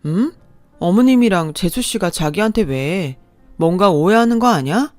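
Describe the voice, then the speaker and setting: A woman's voice: mid-range voice, lively intonation, normal speed, darkish tone, dry recording, faint music behind, close to an everyday voice. A woman voicing an easygoing young husband who brushes off complaints in a casual, placating way.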